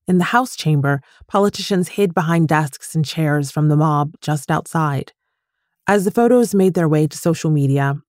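A woman host giving scripted narration for a news podcast, measured and clear. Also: deep voice, a little mellow.

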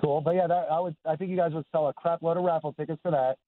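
A man calling a radio show on his phone's speaker from his car on the highway, easygoing and chatty. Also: fairly even intonation, fast talker, no echo. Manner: easygoing, calls the host man and dude. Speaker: caller. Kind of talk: casual call-in chat. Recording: tinny speakerphone phone line.

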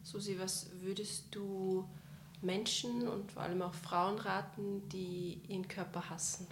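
Calm woman host asking questions. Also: medium pitch, measured pace, vocal fry, slight background noise. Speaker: podcast host. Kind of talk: interview questions.

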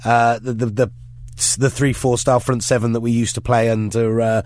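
This podcast host runs a casual sports show while stuffed up with a head cold, rambling through his points with restarts and fillers. His mid-range voice is a little mellow, level in tone, and moderately paced, with no echo.

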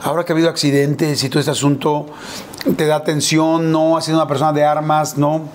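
A male interviewer speaks in a fairly high voice for a man. He asks short, friendly follow-up questions. A little background noise sits faintly behind him. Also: flat delivery, brisk. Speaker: interviewer, host. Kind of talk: casual interview.

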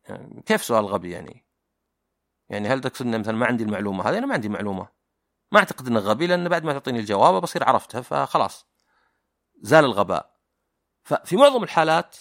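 A man's voice: mid-range voice, vocal fry, no room sound, clean studio sound. A man hosting a casual solo podcast, thinking aloud and acting out imagined back-and-forth exchanges. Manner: reflective, acts out imagined dialogues, many fillers. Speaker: podcast host.

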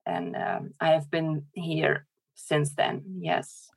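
A woman's voice: sits low, sing-song, takes it slowly, gravelly, slightly rough. A middle-aged woman from Poland, speaking as a scholar guest in an interview, thoughtful with light laughs. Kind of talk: podcast interview.

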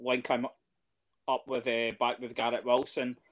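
A man's voice: medium pitch, completely flat delivery, moderate pace. A man in casual chat as a guest, hesitant and full of fillers and restarts. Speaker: podcast guest, fan.

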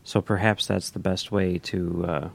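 A man's voice: low-pitched, fairly even intonation, unhurried, vocal fry, no echo. A man co-hosting a casual podcast discussion, talking in a hesitant way with many restarts. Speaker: podcast co-host.

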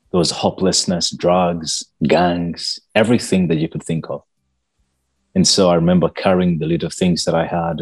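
A man from Uganda recounts his childhood as a guest. His voice sits very low and carries a husky edge. He speaks slowly and earnestly. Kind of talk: personal storytelling in an interview.

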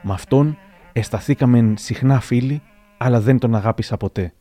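A man's voice: mid-range voice, mellow, natural voice. A man reading as a sly old general. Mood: wry. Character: proud old male general, blunt and sly.

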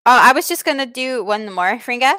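A woman playing a foreign self-care adviser who speaks in broken, halting English with many restarts. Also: on the high side, animated, sharp tone, dry recording. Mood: deadpan advice. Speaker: comic advice giver. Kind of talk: improvised comedy bit.

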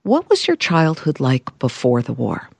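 A woman's voice: a bass voice, wildly swooping pitch, unhurried, gravelly, a little mellow, slightly rough, no echo. A woman hosting a podcast, interviewing guests with enthusiasm. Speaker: podcast host.

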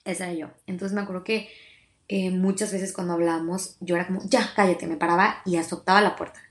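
A woman's voice: lowish voice, little pitch movement, fast talker. A young woman in her twenties with a Mexican accent, hosting a podcast in a chatty, confiding way, with many fillers and restarts. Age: 20s. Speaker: podcast host. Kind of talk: casual personal podcast monologue.

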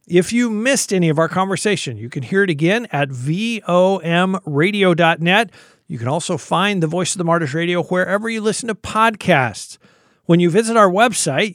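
A man's voice: high-pitched, a bit bright, dry recording. A man hosting a radio show, addressing listeners directly in a scripted, studio-recorded sign-off. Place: dry studio.

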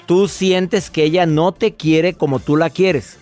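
A man's voice: a little high, steady tone, takes it slowly, soft background music. A man hosting a radio show, giving emphatic, fatherly advice to a caller and interviewing a guest. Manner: warm fatherly advice, emphatic, rhetorical questions.

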